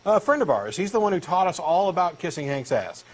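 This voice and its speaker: Very animated and a little fast, a man with a high-sitting voice and a Texan accent reads a comic dialogue as a co-host. He plays an earnest, pushy true believer, eager and insistent.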